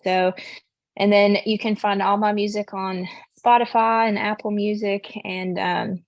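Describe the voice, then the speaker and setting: A woman's voice: mid-range voice, flat delivery, measured pace, no room sound. A woman musician guest, talking in a bubbly but hesitant way with many fillers. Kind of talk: casual video-call chat.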